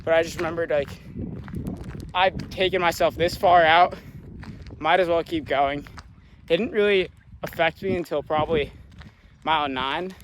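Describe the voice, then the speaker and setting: A man's voice: fairly high pitch, normal speed, long pauses. Breathless young man vlogging outdoors. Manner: relaxed and rambling, many "like" fillers. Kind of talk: casual vlog talk to camera. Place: outdoors on a long road. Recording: faint outdoor noise. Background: passing cars and outdoor ambience.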